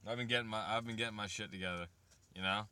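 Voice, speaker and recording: At a quick pace and with fairly even intonation, a vlogger in his thirties chats profanely and casually to his viewers about waiting and raising kids, rambling as he addresses chat. His fairly low voice sounds pushed and bright, and the tone is clean.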